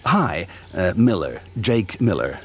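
For a radio drama, an actor plays a cynical industrial spy, mocking in tone and mixing English phrases into his German. His voice sits low with big pitch swings, delivered slowly and heavily acted, with a little hiss or hum.

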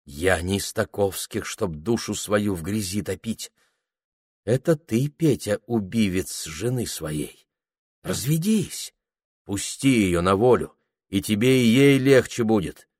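A man's voice: on the low side, animated, slow, a little mellow, breathy edge, no room sound, studio quality, heavily acted. A man reading a novel aloud, voicing a bold, sly village woman who coaxes and reproaches in a sing-song way. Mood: teasing.

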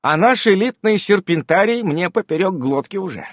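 A man voicing a sharp-tongued witch woman, high and lively. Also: normal speed, no echo, studio quality. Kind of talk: audiobook character voice.

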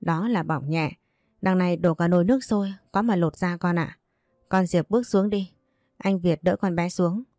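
A woman narrator putting on a domineering older man, brisk and curt, his orders coming fast. The voice stays mellow and low in tone, close and dry. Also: dry recording, lightly acted. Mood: scolding. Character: stern older man, domineering father figure.

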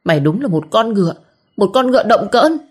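A woman voicing a furious, jealous young village woman who spits out fast accusations in a storybook reading. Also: lowish voice, lively intonation, a little mellow.

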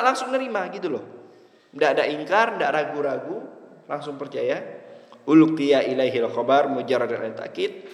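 A man lectures students on Arabic rhetoric, switching between plain explanation and Arabic terms while he keeps checking that they understand. His voice sits a little high and jumps up when he stresses a point. The sound rings with the long reverb of a large hall. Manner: asks students "paham?" and "fahim tum?" often, mixing Arabic terms into his explanations; lively, wide pitch swings between emphatic high lines and low asides. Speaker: religious teacher.

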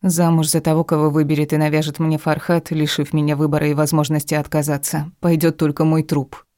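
Man reading sullen defiant young woman, audiobook dialogue, mellow tone, dry close sound. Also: fairly high pitch, completely flat delivery, brisk, no room sound, close to an everyday voice. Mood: desperate. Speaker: audiobook reader.

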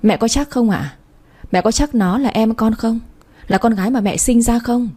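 A woman's voice: on the high side, normal speed, mellow, voice pushed up, lightly acted. A woman voicing a bitter elder sister who speaks bluntly and harshly, full of scorn. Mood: scornful accusing.

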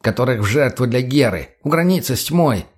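A man's voice: medium pitch, animated, brisk, breathy edge. A man voicing a crude, callous drug addict who drawls and swears. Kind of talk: audiobook character voice.

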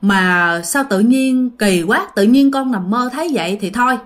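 A woman's voice: fairly high pitch, normal speed. A young woman telling a ghost story in a casual, chatty way, often speaking straight to her listeners. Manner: chatty, addresses listeners directly.

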